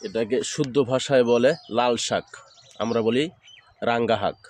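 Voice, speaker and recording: A man's voice: medium pitch, fairly even intonation, moderate pace, a little mellow, a little hiss or hum. A man from Barisal with a Barisal Bengali accent, casually narrating a walk through village fields and explaining local words to viewers. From Barisal, Bangladesh. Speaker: village video host. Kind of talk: casual walking tour narration. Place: outdoors among village fields in the morning.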